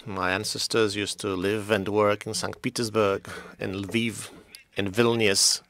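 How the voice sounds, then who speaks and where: In a low, gravelly voice, a man gives simultaneous English interpretation of formal conference speeches. He keeps a steady, measured delivery, though at times his voice thins almost to a whisper.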